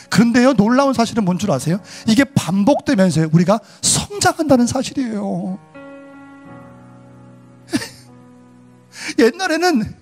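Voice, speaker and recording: High-voiced, animated Korean pastor preaching. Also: male voice. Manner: animated, acting out quoted voices. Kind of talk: sermon.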